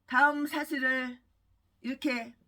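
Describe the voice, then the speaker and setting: A woman pastor delivering a furious, abusive sermon, swinging between shouting and low muttering. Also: fairly even intonation, slow, far from the mic. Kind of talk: ranting sermon.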